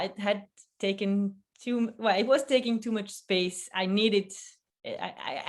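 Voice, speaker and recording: Chatty Belgian woman from a video call. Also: mid-range voice. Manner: chatty, laughs often, many restarts. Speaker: guest, food photographer. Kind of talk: casual interview conversation.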